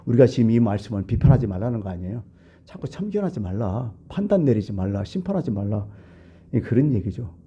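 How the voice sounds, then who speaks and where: A pastor preaching a sermon, explaining scripture in a plain conversational way. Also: male voice, mid-range voice, very animated, quick pace, warm tone, husky, lo-fi sound. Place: church.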